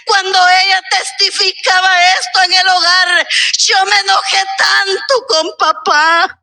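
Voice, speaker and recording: A woman's voice: very high-pitched, fairly even intonation, a little slow, pushed and bright. A woman giving an emotional church testimony, crying as she speaks and calling out to her brethren. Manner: tearful, crying out, addressing brethren.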